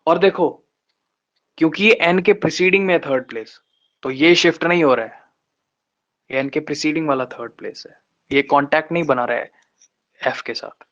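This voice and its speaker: A man teaching shorthand in a live online lesson, explaining step by step with patient pauses and slowing down to spell out terms. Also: on the high side, fairly bright tone. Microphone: online class microphone. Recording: dull lo-fi online class audio.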